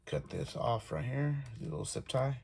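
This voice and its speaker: Speaking at normal speed with a medium-pitched voice, a man hosts an informal DIY video, narrating every step as he goes. Background noise and clicks can be heard in the otherwise clear recording.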